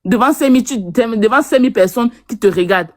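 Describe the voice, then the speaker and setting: A woman on a live stream delivers a heated rebuttal, scolding and mocking, tripping over repeated syllables. Her voice sits fairly high for a woman. The sound is dry and close, with no room echo. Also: fairly quick. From Cameroon.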